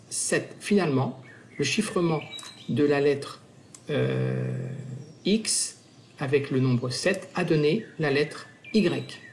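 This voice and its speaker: A man's voice: on the high side, slight background noise. A man giving a screen-recorded math lesson, counting steps aloud with many fillers and self-corrections. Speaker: math teacher.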